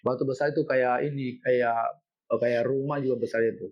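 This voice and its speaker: A middle-aged man, a guest telling a story in an interview, animated, repeating himself and ending lines with "Pak". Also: medium pitch, moderate pace, highs cut off. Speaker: head of city education office, guest.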